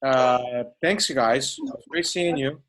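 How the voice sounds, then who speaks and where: A man with a husky voice chatting casually with friends on a video call. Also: medium pitch, a little slow, fairly bright tone, slight background noise. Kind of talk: casual group video chat. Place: indoors on a computer video call.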